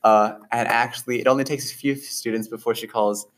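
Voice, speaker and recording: A man narrating a tabletop game as game master, unhurried with frequent fillers. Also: medium pitch, steady tone.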